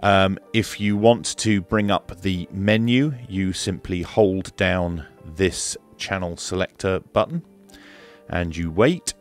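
Faint music plays behind a slow-talking, low-voiced man at an indoor desk as he casually demonstrates a product. A radio reviewer and demonstrator, he explains hesitantly and step by step in an unhurried, matter-of-fact way.

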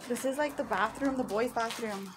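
A woman's voice: fairly high pitch, normal speed, background noise. A woman chatting casually as she explores, recorded on a handheld phone. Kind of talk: casual chat while exploring. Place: abandoned farm buildings and open yards. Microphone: handheld phone, speaker behind the camera.

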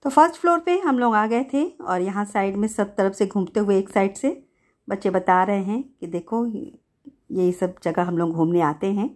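A middle-aged woman tells the story of a family outing in an easygoing voice-over. She strings her sentences together in a chatty way, like someone talking to a friend. Her pitch is average for a woman. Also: moderate pace, darkish tone. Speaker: family vlogger.

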